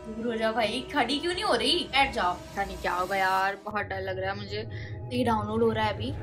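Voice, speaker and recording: A woman's voice: medium pitch, background noise. A woman vlogger chatting casually to the camera in a dim room at home, nervous and giggly, with sudden gasps and squeals.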